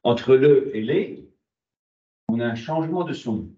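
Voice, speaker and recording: A man's voice: medium pitch, animated, measured pace, dark tone. A man lecturing a university class, asking rhetorical questions and answering them himself. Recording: muffled, echoey classroom.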